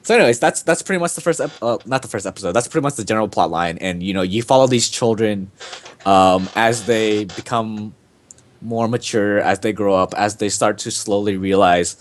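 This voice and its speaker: Young man, low voice, casual podcast host, rambling, filler-heavy. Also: fairly quick.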